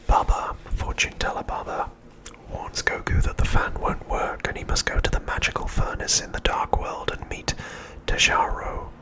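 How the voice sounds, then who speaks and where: In this ASMR narration, a middle-aged host speaks entirely in a breathy whisper with no voiced tone at all. He reads gently and unhurriedly, with deliberate pauses between phrases.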